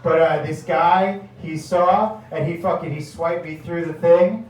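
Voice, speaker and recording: A man with a slightly high, darkish voice does a nervous stand-up set in a small comedy bar, speaking unhurriedly with fairly even intonation. Nervous and sweaty, he rambles, curses, and uses lots of fillers. He is recorded from far off in an echoey club room, with audience noise and laughter in the background.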